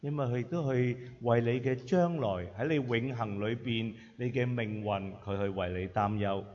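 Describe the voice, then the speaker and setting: A man interpreting a sermon phrase by phrase, measured, with frequent filler sounds between phrases. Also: mid-range voice, darkish tone. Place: church hall. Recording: echoey hall, dull sound.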